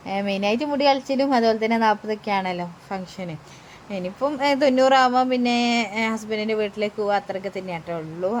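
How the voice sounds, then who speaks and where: Fast-chatting young woman. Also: fairly high pitch, darkish tone, a little hiss or hum. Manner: chatty, tags many sentences with a friendly "tto" and pauses on "e". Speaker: family vlogger. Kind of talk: casual vlog voice-over narration.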